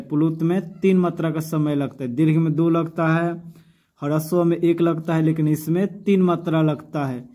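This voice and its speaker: A man's voice: fairly high pitch, mellow. A man teaching a casual class, who keeps asking his students questions and repeating points. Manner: addresses students affectionately, repeats and asks questions.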